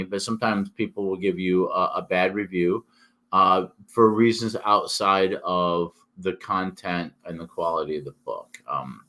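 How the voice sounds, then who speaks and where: A man talking casually as a vlog host, rambling and halting, his speech thick as if his tongue and mouth are swollen. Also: low-pitched, a bit bright. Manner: halting, with repeated false starts and long hesitations. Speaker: YouTube host and independent author. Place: kitchen.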